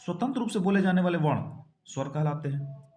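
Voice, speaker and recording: A man's voice: high voice, animated, fairly quick, mellow, roomy sound. A man teaching an exam-prep grammar lesson, explaining step by step and asking and answering his own questions.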